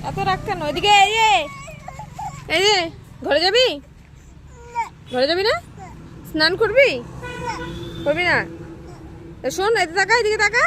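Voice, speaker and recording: Woman, mother, scolding and coaxing, very high voice, outdoor street, loud traffic noise. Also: expressive, a little slow, pauses often. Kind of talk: casual scolding of a child. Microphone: phone camera.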